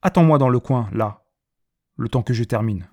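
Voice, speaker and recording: A man voicing a friendly barber who is busy at work, cheerful and hurried. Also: mid-range voice, dark tone, close to an everyday voice.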